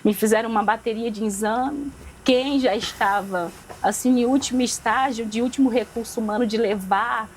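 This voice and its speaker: A woman's voice: fairly high pitch, moderate pace, slight background noise, low-quality recording. Emotional woman giving a repetitive testimony. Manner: repeats phrases for emphasis, acts out quoted dialogue. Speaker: podcast guest.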